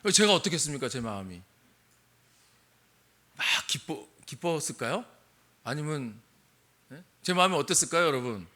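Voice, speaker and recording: A man's voice: fairly high pitch, big pitch swings, normal speed, pauses often, pushed and bright. An older man, a missionary pastor, preaching a sermon and asking his congregation questions. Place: church sanctuary.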